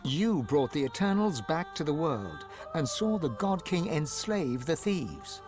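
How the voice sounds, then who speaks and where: An actor playing a solemn, dramatic storyteller narrating a video game. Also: male voice, on the high side, big pitch swings, measured pace, music in the background. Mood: accusing.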